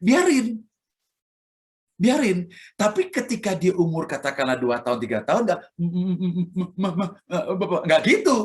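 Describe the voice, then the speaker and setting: A man's voice: sits high, very animated, normal speed. A man with an Indonesian accent, a church elder preaching a sermon who acts out sounds and examples as he speaks.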